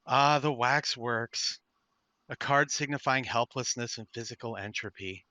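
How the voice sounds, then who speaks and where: A man voicing a calm, mysterious female fortune-teller in a tabletop game, measured, cryptic and eerily calm. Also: mid-range voice, no room sound, poor audio. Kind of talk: improvised tabletop role-play.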